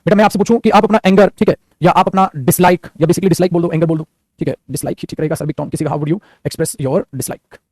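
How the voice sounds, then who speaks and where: Male teacher for an online vocab class, slightly high voice, rapid and repetitive delivery. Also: fairly even intonation, darkish tone, no room sound. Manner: rapid, repeats phrases, calls students "beta".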